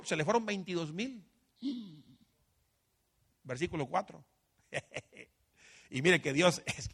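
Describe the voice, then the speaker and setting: A man preaching a sermon with fervor, calling his listeners brother and swinging from loud calls down to quiet asides. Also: on the high side. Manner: addresses listeners as brother, repeats phrases. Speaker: pastor.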